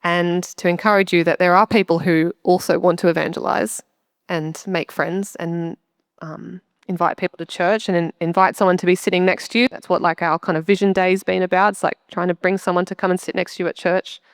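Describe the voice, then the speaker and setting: Interviewed on a church stage, a young woman from Australia offers an earnest, chatty, heartfelt testimony. Her voice is fairly low, smooth, and steady in tone, moving a little fast, with studio-quality sound and no echo.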